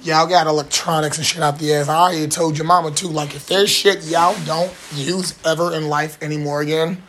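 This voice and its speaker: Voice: mid-range voice, fairly even intonation, fairly quick, few pauses, a little hiss or hum. Brash, teasing, slang-heavy talker. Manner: brash, loud, teasing, lots of swearing and slang. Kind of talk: casual chat.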